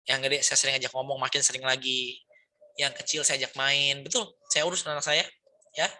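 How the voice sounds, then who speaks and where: A middle-aged male pastor preaching in a loose, conversational way, often tagging his sentences with quick checks to the crowd and dropping in English words. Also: medium pitch, sharp tone. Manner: chatty, peppers speech with tag questions and English words. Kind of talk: conversational sermon.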